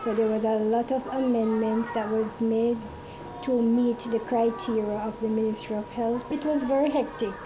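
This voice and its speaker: A woman's voice: a little high, steady tone, moderate pace. Woman school administrator, noisy backdrop. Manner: plain, listing, conversational. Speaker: preschool administrator. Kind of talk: news interview answers.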